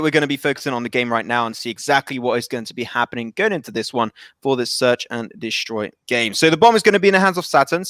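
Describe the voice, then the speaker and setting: A man casting a live mobile shooter match, excitable and rising to shouts on big plays. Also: fairly high pitch, no room sound. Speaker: esports caster. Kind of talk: live game commentary.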